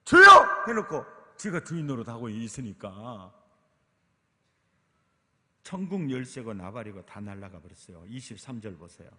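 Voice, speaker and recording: A man's voice: lowish voice, lively intonation, moderate pace, long pauses, a little mellow. A male pastor preaching at a teachers' seminar, asking the audience questions again and again. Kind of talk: sermon at a teachers' training seminar. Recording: long hall reverb.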